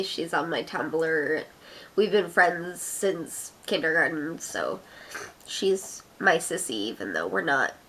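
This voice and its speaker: A young Canadian woman with an Ottawa accent, her voice lowish, pushed and bright, captured in poor audio. She's a vlogger chatting her way through an accent challenge and giggling as she reads her own fiction aloud.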